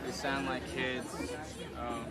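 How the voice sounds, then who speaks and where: A man's voice: mid-range voice, flat delivery, takes it slowly, over loud music. A man live-streaming at a street protest at night, chatting in a laid-back way with his viewers and now and then apologizing to them. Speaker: livestreamer. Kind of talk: casual live-stream chat. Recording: loud crowd around the mic.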